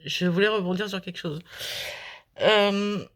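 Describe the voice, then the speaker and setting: A woman's voice: mid-range voice, measured pace, a bit bright. A chatty woman from France who vlogs about crafting, casually showing swapped cards and laughing at her own slips. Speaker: crafting vlogger.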